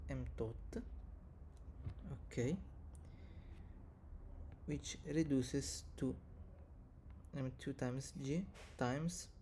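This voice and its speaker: A man who is not a native English speaker teaches physics step by step, dictating equations in short, halting pieces. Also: medium pitch, warm tone, slight background noise. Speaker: physics tutor, video presenter. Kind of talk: step-by-step maths lesson, reading out equations.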